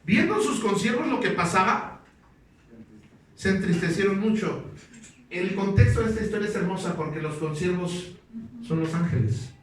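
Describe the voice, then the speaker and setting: A male pastor giving a sermon. He reads scripture slowly and with emphasis, and he asks the congregation questions and waits for their replies. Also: sits high, animated. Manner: slow, emphatic reading of scripture. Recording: very echoey hall, distant mic, faint noise.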